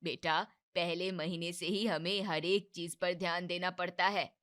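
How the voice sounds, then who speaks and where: A woman's voice: on the low side, fairly even intonation, unhurried, a bit bright. A woman voicing a bossy but caring older mother-in-law in a cartoon family drama, scolding and commanding.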